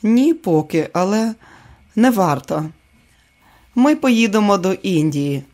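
A male audiobook reader voicing an affectionate, coaxing wife in a soft, raised voice. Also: sits high, expressive, takes it slowly, voice pushed up. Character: affectionate younger wife, woman, attentive. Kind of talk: audiobook character reading.

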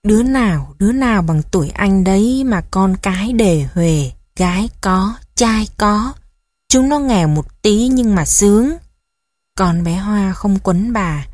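A woman reads a domestic drama aloud at a slow, unhurried pace, calm and measured. The recording is close and completely dry, with no room sound. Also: mid-range voice, dry recording. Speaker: narrator. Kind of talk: audiobook story narration.

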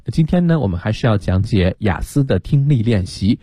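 A man's voice: fairly low pitch, lively intonation, fairly quick, warm tone, slightly rough, no room sound, clean studio sound. A man hosting an educational radio program, friendly and chatty, reacting to the teacher and repeating her words. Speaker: radio host.

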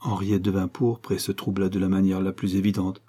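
A man narrating a novel as an audiobook in a measured, literary manner. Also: sits low, completely flat delivery, mellow, breathy edge.

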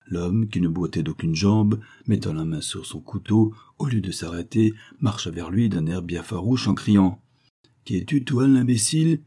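Man, storyteller, measured, husky, warm. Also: deep voice. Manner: measured, expressive. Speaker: narrator. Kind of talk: storytelling reading.

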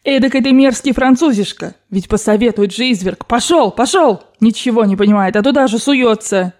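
A woman's voice: a little high, normal speed, darkish tone, close to an everyday voice. A woman voicing an imperious, scolding old Russian grandmother in an audiobook, barking abrupt commands. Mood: furious. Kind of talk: audiobook narration.

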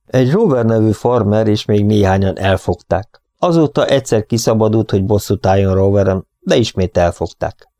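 Man doing impatient prison governor, brusque, commanding, low voice, dry. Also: expressive, dark tone, dry recording. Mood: stern.

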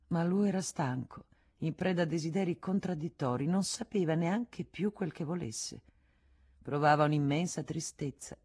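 A woman's voice: low voice, breathy edge. Woman reading a novel aloud. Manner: measured, expressive. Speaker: audiobook reader. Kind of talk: literary audiobook narration.

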